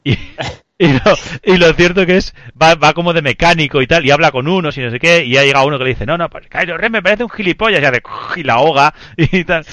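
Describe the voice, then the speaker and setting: A man hosting a casual panel chat, animated, stammering and repeating words as he steers the talk. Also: on the high side, fairly quick, no room sound. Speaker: podcast host.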